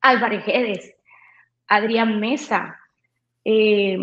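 A woman radio announcer telling her story in a conversational interview, lively and animated. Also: medium pitch, very slow, muffled recording. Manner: lively storyteller who mimics others' voices when quoting.

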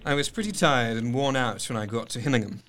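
An actor playing an earnest, observant male doctor narrating his diary in an audio drama, articulate and measured. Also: medium pitch, lively intonation, fairly bright tone, faint music behind, close to an everyday voice. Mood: weary, watchful. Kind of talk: scripted first-person narration, audio drama.

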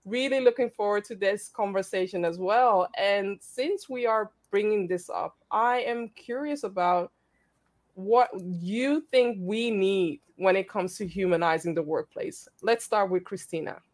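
A woman's voice: mid-range voice, a little slow, darkish tone. A woman hosting an online panel discussion in a chatty, enthusiastic way. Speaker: host. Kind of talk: casual online panel chat.

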